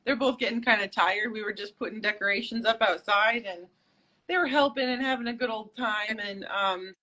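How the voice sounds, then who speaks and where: A woman's voice: mid-range voice, fairly quick, pushed and bright, low-quality recording. A woman co-hosting a casual live-stream chat, friendly and laughing often. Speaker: co-host.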